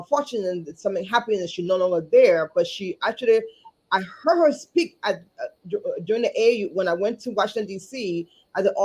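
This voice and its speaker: A woman from Liberia, speaking earnestly as a guest over a video call, often repeating words and pausing on fillers. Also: medium pitch, darkish tone, slightly rough. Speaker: guest, community advocate and chapter chair. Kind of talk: livestream interview.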